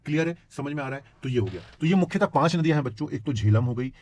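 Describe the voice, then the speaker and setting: A man teaching geography for exam prep, who keeps asking his students rhetorical check-in questions and clears his throat now and then. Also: medium pitch, lively intonation, very fast, a little mellow, a little hiss or hum. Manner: addresses students as children.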